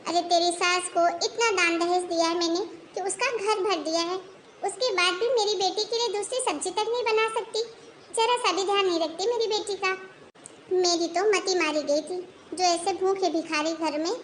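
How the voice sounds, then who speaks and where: A woman voicing a sharp-tongued older mother-in-law in a cartoon, nagging and scolding her daughter-in-law. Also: very high voice, moderate pace, slight background noise. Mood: indignant. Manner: nagging, shouting and complaining. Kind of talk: cartoon voice acting.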